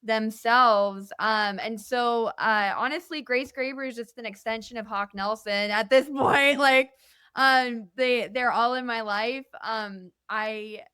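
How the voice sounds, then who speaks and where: A young woman with a smooth, clear voice talks openly as a podcast guest. Her speech is earnest and meandering, full of little fillers and restarts. The sound is dry and close, with no room echo. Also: on the high side, fairly even intonation, takes it slowly, pushed and bright. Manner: candid and earnest, rambling with many fillers. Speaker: guest musician. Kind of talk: casual podcast interview. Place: indoor podcast studio.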